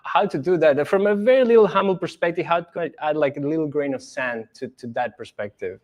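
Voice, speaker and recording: A man's voice: on the high side, fairly quick, darkish tone. A young man from Argentina speaking English as a podcast guest, thoughtful and earnest, with some hesitant restarts. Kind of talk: casual conversation.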